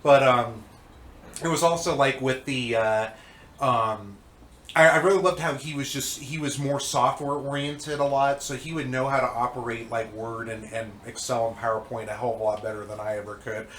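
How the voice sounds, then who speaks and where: A congested man co-hosting a review of old magazines chats casually about old games, rambling with many fillers and restarts. His medium-pitched voice is a bit bright, with fairly even intonation and a moderate pace. The sound is roomy, with a little hiss or hum.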